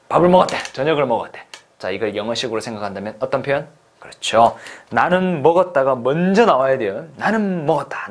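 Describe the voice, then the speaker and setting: Lively man teaching English. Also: mid-range voice, slight background noise. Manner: lively, drills phrases slowly for repetition. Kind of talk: online English lesson.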